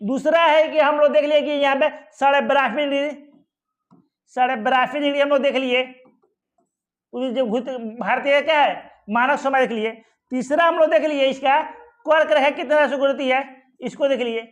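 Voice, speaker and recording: Recorded with a muffled quality, this male teacher speaks at normal speed in a very high, steady voice. Standing at a map for an exam-prep geography lesson, he asks and answers his own questions, often reassuring students with "ठीक है" and "आराम से".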